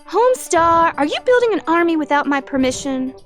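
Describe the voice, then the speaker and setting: A woman's voice: very high-pitched, sing-song, a little fast, faint music behind. A woman voicing a stern, fed-up hippie girlfriend in a cartoon, scolding and reproachful. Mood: disapproving. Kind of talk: cartoon game acting.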